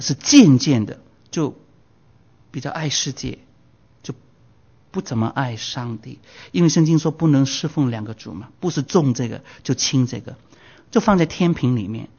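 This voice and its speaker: A man in his sixties preaching a Bible sermon, his voice surging high and loud for emphasis and slipping in English phrases. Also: animated, moderate pace, long pauses, husky. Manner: drops English phrases into Mandarin. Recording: dull lo-fi recording.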